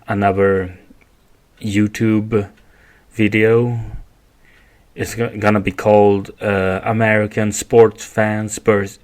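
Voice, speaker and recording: In this rambling solo monologue, a Swedish podcast host works through an argument very slowly, repeating and rephrasing as he goes. He speaks accented English in a voice on the low side.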